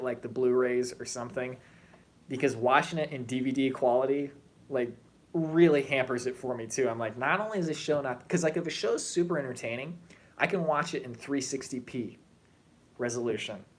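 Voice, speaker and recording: A man vlogging in a casual, animated way, chatting and drifting between tangents. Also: medium pitch. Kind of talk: casual chat to camera.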